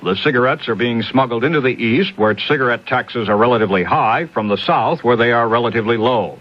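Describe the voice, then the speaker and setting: This 1970s-style scripted radio bulletin comes from a male newscaster whose medium-pitched voice keeps a brisk pace. Taken from vintage AM radio, the recording sounds dull and lo-fi.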